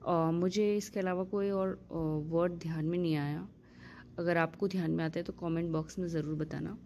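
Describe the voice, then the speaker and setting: A woman teaching English vowel sounds in a patient lesson, spelling out example words slowly. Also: on the low side, steady tone, a little mellow, a little hiss or hum. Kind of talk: Hindi-language pronunciation lesson.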